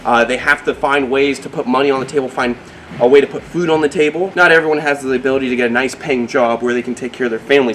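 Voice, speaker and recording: A man's voice: mid-range voice, fairly bright tone. A man hosting a wildlife vlog, talking casually and animatedly to the viewers and to the animal he is handling outdoors. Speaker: wildlife video host. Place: outdoors in a backyard. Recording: background noise, outdoor ambience.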